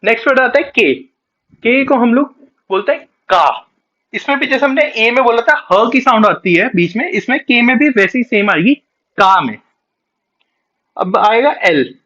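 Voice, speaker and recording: A man teaching a beginner Spanish lesson, explaining patiently step by step and switching between Hindi and English. He slows down to spell out and repeat each letter sound. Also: sits high, a bit bright, highs cut off.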